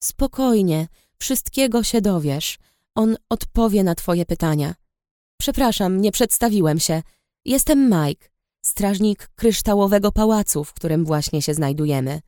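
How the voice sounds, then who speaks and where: A woman's voice: mid-range voice, animated, measured pace, dark tone, no room sound, studio quality, lightly acted. A woman voicing a young male palace guard, earnest and grim, in an audiobook reading.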